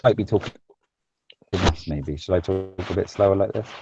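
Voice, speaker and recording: A man's voice: deep voice, normal speed, very noisy. A man talking over an online call whose audio breaks up and cuts in and out, explaining his ideas in an earnest, rambling way. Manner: earnest, explains word-sound links in a rambling way. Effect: call audio breaking up, cutting in and out. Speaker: guest on a call. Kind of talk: casual call chat. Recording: muffled, dull online call line.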